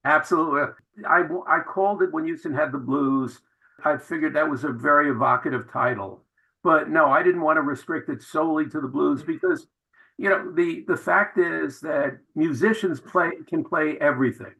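A man's voice: fairly high pitch, normal speed, gravelly, bright, forceful tone, rough recording. A man, a film director, answering radio interview questions with enthusiastic, anecdotal storytelling.

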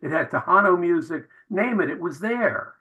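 A man's voice: sits high, expressive, normal speed, bright, forceful tone, poor audio. A man, a film director, answering radio interview questions with enthusiastic, anecdotal storytelling.

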